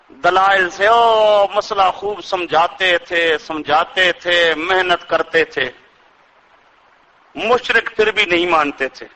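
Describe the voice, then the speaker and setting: A man's voice: high-pitched, pushed and bright, rough recording. An older male Islamic scholar with a Punjabi accent, giving a sermon that poses rhetorical questions to his listeners and chants Quranic verses.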